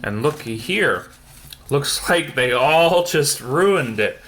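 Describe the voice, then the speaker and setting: Over a noisy background, a man slowly reads a children's picture book at bedtime in an animated, mid-range voice. He stumbles here and there and explains the pictures as he goes.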